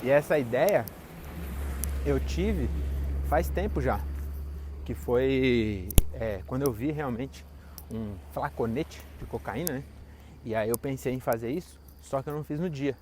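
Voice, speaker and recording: A man's voice: medium pitch, measured pace, a little mellow. Young brazilian guy rambling while he walks outside, sarcastic, bit of street noise behind. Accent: Brazilian Portuguese. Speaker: vlogger. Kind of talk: walking vlog monologue. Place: outdoors, walking.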